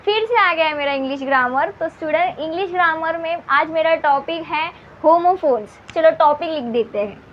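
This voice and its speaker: A woman teacher with an Indian accent explaining a grammar lesson to students, repeating points and dictating definitions slowly. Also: extremely high pitch, highs cut off, slight background noise. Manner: repetitive, addresses students directly, slow dictation of definitions.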